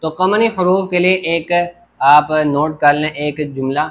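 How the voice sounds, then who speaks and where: A man's voice: a little high, a little slow. A man teaching a grammar lesson at a board, explaining step by step and often checking with "theek ho gaya". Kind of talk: classroom lecture at a board.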